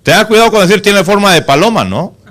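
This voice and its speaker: Here a male pastor gives a fast, expressive sermon. He throws rhetorical questions at the congregation and drops into a hushed, low register to stress solemn ideas.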